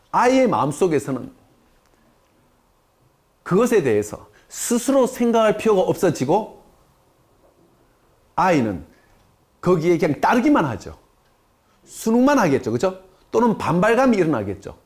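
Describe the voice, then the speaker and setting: High, lively male lecturer. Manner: asks the audience questions and answers them himself; acts out quoted speech. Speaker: parenting lecturer. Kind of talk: lecture to parents.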